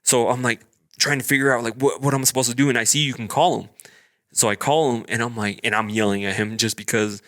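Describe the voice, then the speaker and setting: A man's voice: medium pitch, steady tone, fast talker, a bit bright, dry recording, studio quality. A man, a podcast co-host, telling a story in casual chat and acting out quotes in a raised voice.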